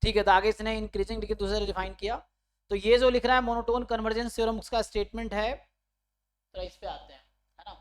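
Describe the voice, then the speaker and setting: A man's voice: sits high, fairly even intonation. Man teaching, checking in constantly. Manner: explains step by step, often checks understanding with tag questions; reads definitions out slowly word by word. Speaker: statistics teacher. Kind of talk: online exam-prep lecture.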